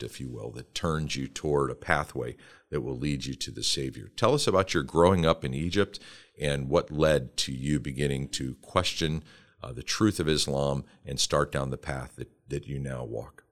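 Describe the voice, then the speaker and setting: A man hosting a podcast interview, speaking in a measured, formal, preacherly way. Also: rumbling low. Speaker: podcast host.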